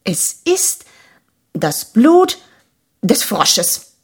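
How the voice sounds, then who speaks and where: A woman voicing a friendly, quick-witted swallow in a fable, with a light, breathy, lilting voice. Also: medium pitch, big pitch swings, exaggerated voice. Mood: sly, eager.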